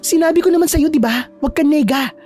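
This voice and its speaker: A woman voicing a feisty young woman who is a loyal friend, talking in a brisk, scolding but reassuring way. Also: high-pitched, dark tone, soft background music, voice pushed up, lightly acted. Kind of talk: storytelling with acted dialogue.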